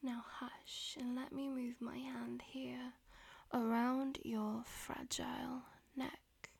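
A woman voicing a dominant, teasing female demon in an audio roleplay, speaking mostly in breathy, domineering whispers. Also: sits high, level tone, slow, a little mellow, full character voice.

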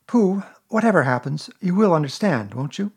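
A man voicing an earnest, dreamy little boy, pitching his husky voice up and raising it eagerly. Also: animated, normal speed, darkish tone, heavily acted.

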